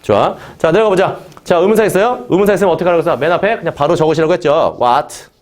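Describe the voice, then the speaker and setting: A man teaching English grammar in Korean, his voice sitting a little on the high side. He opens almost every phrase with a short "자" and keeps firing questions at his students. He has them repeat key words back to him as he works through each example. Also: fast, a little mellow. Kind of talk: online grammar lesson.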